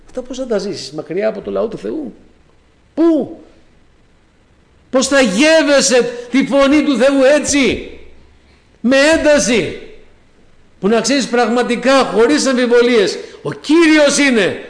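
A man with a very high voice preaches a fervent sermon. He calls the listeners brothers and sisters and often breaks in with amen and hallelujah. His voice rings in an echoey church hall. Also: lively intonation, creaky, long pauses.

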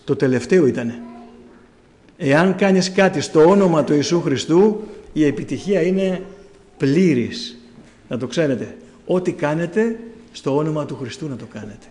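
A man's voice: on the high side, lively intonation, darkish tone. A man giving a personal testimony to a church, telling his story and acting out his own past words.

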